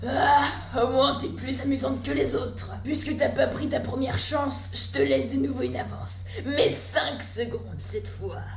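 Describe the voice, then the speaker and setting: A woman's voice: high-pitched, expressive, unhurried, creaky, hardly any pauses, full character voice. A woman voicing a menacing, foul-mouthed young male killer in a horror story, crude and taunting. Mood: mocking threat. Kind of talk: horror story character acting. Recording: roomy echo, music underneath. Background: music.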